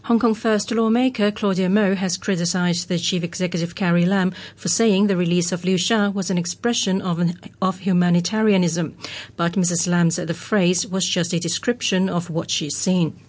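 A woman's voice: on the low side, steady tone, moderate pace. A woman presenting the news on radio, reading from a script.

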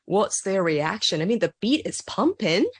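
A woman's voice: mid-range voice, animated, moderate pace, breathy edge, no room sound. A woman radio interviewer, enthusiastic and teasing with her guest.

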